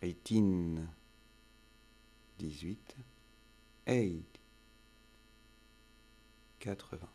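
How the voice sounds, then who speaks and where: A man teaching a recorded lesson, speaking slowly and carefully and stressing each example word clearly. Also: sits low, warm tone. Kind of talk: recorded home-study lesson.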